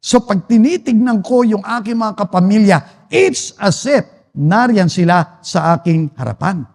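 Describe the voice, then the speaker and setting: Man, Filipino accent, pastor, sermon, high voice, long hall reverb. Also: animated, measured pace, creaky. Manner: preaching with emphatic shifts from soft to forceful. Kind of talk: Taglish sermon. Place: church sanctuary.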